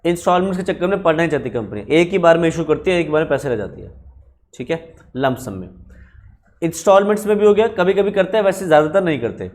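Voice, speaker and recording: A man's voice: fairly high pitch, sing-song, quick pace, darkish tone. A man teaching accounting in a conversational classroom lecture, stopping often to quiz his students.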